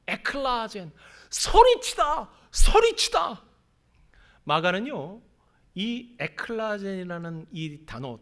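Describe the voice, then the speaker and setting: A man's voice: a little high, fairly bright tone. A male pastor preaching a sermon, telling the story dramatically and asking the congregation rhetorical questions.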